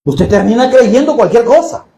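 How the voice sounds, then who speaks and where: A man preaching a sermon in a church, jokey and animated, often asking the congregation questions. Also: very high voice, moderate pace, gravelly, echoey room, rough recording.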